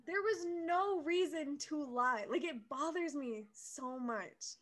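Bright, high-voiced woman podcast host. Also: slow. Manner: animated, swears, heated rants with quoted voices. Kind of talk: casual chat.

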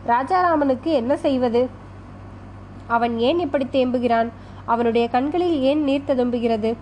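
A woman reads a serialized novel aloud. Her storytelling is steady and even. Her voice sits a little high, and a faint hiss runs behind it. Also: unhurried, rough recording. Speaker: story narrator.

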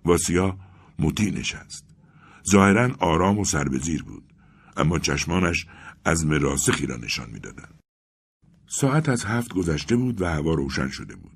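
A man narrating a literary story in a measured, grave, dramatic reading style. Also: a bass voice, very animated, creaky, slightly rough. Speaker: audiobook narrator.

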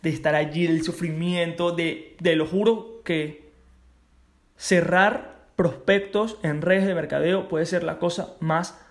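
A man's voice: a little high, steady tone, takes it slowly. A man hosting a network marketing podcast, giving an emphatic motivational monologue and often checking in with "ok?". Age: adult parent. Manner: emphatic, keeps asking "ok?".

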